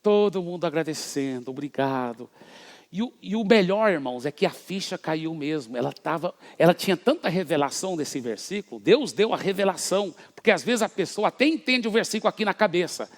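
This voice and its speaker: Preaching man with a high voice. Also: expressive, fairly quick, few pauses. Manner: dramatic storytelling, swinging between soft asides and loud exclamations. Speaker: pastor. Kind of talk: sermon. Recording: echoey hall reverb.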